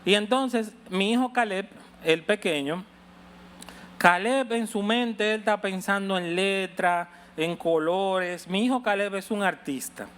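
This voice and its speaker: A man's voice: sits high, a little slow, fairly bright tone. A middle-aged male pastor giving a sermon in a conversational, storytelling manner, often asking his listeners questions. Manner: conversational storytelling preacher, asks the audience questions.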